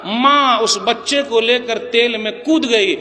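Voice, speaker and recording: A man giving an impassioned sermon to a congregation, questioning the audience and swinging between loud and soft. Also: extremely high pitch, in a large hall. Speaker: preacher. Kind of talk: Urdu sermon to a live congregation.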